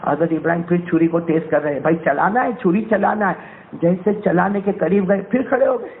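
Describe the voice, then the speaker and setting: A male preacher telling a story in an emotional sermon, swinging from hushed tones to shouts and calling out questions to the congregation. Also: high-pitched, a little hiss or hum. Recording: tinny phone-like recording.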